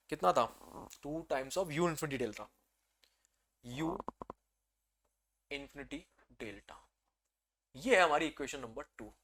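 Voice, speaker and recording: A male teacher giving an exam-prep engineering lecture, calling students "beta" and asking and answering his own questions, with energetic swings into loud excitement. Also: a little high.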